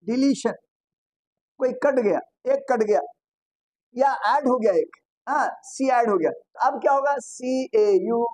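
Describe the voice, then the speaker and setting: High-voiced woman teaching, repeating every term. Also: darkish tone, no room sound, low-quality recording. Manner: repeats key terms and asks the class rhetorical questions; mixes English phrases into Hindi. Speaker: biology teacher. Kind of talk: classroom lecture at a board.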